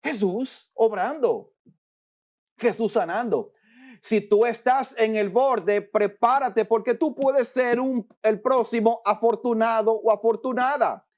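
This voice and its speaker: Man, preacher, sermon, emphatic repetition, soft hushed reassurance, slow delivery. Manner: acts out worried people's complaints, then soothes in a low hush; emphatic, repeats phrases.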